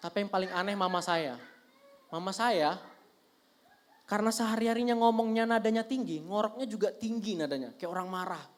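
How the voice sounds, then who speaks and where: A man's voice: high voice, brisk. Teasing young stand-up comedian, man. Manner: lively, teasing, talks to the audience.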